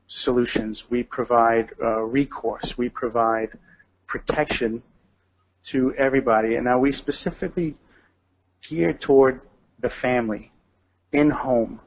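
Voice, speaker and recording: A man giving an interview in the calm, direct, measured way of a hostage negotiator. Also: mid-range voice. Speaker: guest, retired police detective and hostage negotiator. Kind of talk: radio interview. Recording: dull, lo-fi audio.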